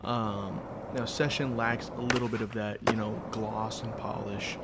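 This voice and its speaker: A man chewing gum as he gives rambling, halting, casual commentary on a live game stream. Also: lowish voice, flat delivery. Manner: chewing gum while talking; rambling, halting, thinking aloud. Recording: loud background noise with clicking.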